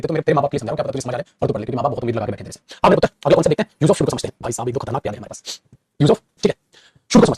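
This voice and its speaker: Male grammar teacher: high, rapid-fire, husky, scolding but warm-toned address to students. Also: no room sound. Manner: animated, calls students 'beta', scolds and coaxes. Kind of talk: online class lecture.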